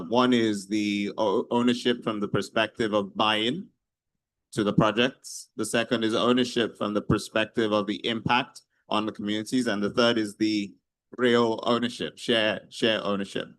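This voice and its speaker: A man's voice: on the low side, fairly bright tone, dry recording, low-quality recording. A man with a Nigerian Yoruba accent giving a considered answer as a panelist in a discussion.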